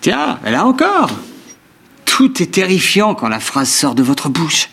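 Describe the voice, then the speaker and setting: A man's voice: fairly high pitch, wildly swooping pitch, slow pace, a bit bright, full character voice. A man voicing a sick male patient who teases his doctor in a dubbed series scene. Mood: teasing. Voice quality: gravelly, husky, teasing.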